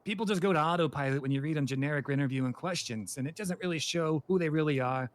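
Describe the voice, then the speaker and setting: A man's voice: fairly high pitch, fast talker, slight background noise. A man running a game roleplay scenario as an interviewer, chatty and rambling, slipping into comic bits. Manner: chatty, rambling, slips into panicky comic yelping.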